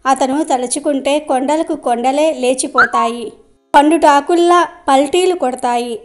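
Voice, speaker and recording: A woman voicing a sly old male sage who flatters and coaxes, in a high voice. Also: measured pace. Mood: coaxing.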